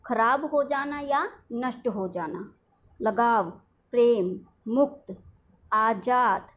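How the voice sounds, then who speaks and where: A woman teacher dictating a lesson to young pupils in a fairly high voice. She speaks slowly and deliberately, pausing after each word and explaining its meaning. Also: fairly bright tone. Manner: slow, dictating words one at a time with explanations. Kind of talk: online class lesson.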